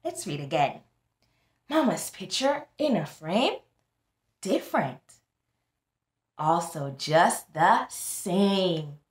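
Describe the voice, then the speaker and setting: A woman in her thirties, tutoring at a children's book club, reads aloud to young kids in a small indoor room, stopping to teach and speaking to them directly in an animated, instructive way. Her pitch is fairly low, and the small room sounds echoey.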